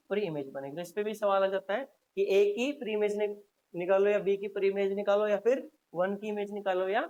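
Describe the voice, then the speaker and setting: A man's voice: sits high, a little mellow. A male maths teacher giving a classroom lecture, asking questions and answering them himself with frequent prompts to the class. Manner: repetitive, drilling, frequent "haan ji" prompts.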